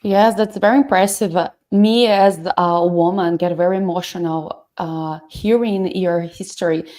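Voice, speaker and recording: Mellow-voiced woman co-host from Brazil. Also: lowish voice. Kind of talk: interview conversation.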